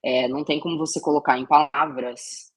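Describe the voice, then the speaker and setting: Speaking briskly in a slightly high, fairly bright voice with fairly even intonation, a Brazilian Portuguese-accented teacher walks students through literature step by step. It's a recorded exam-prep class, and he keeps dropping "né" and "tá" to check they're following.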